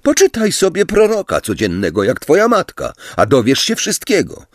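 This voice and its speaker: A man voicing a quick-tempered teenage boy who answers sharply and insistently. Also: a little high, wildly swooping pitch, dry recording, studio quality, pitched above the performer's own voice. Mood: bitter.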